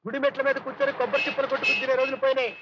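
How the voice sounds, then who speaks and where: An actor playing a bumbling tabla-playing comic sidekick in a film comedy, with a whiny delivery. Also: male voice, extremely high pitch, level tone, racing, very noisy. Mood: cheeky. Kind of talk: Telugu film comedy dialogue. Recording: dry, dull film soundtrack.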